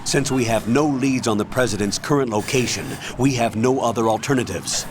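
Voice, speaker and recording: A man's voice: medium pitch, brisk, a little hiss or hum, lightly acted. A man voicing a firm military colonel. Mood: commanding. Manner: firm, issuing orders. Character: male military colonel, commanding.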